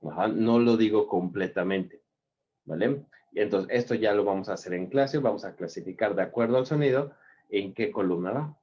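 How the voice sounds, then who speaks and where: A man with a Mexican accent teaching an English grammar lesson in Spanish, patiently repeating examples and filling pauses with "ajá" and "ujú.". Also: lowish voice, a little mellow, slightly rough, dull audio.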